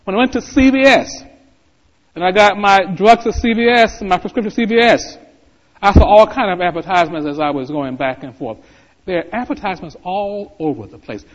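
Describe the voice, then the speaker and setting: A man's voice: sits high, a little fast. A middle-aged man preaching a sermon as pastor, building to fervent emphasis. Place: church sanctuary. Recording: reverberant hall, dull lo-fi sound.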